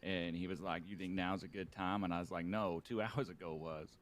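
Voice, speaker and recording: Dry, drawling low-voiced man role-player. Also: steady tone, a little fast, a little hiss or hum. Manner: dry, drawling, stubborn banter. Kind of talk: in-character western role-play.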